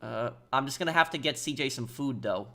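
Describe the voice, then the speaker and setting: A man casually commentating on a game he is livestreaming and chatting with viewers, halting and repeating words as he goes. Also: mid-range voice, lively intonation, vocal fry, pushed and bright. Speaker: livestreamer playing a video game. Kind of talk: casual game stream commentary, reading and answering chat.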